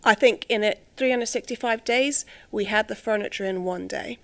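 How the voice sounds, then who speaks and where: A woman's voice: medium pitch, moderate pace, a bit bright. A middle-aged woman born in England and raised in the United States, chatting as a podcast guest and explaining things with frequent hesitant fillers. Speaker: company employee, guest. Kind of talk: casual podcast interview.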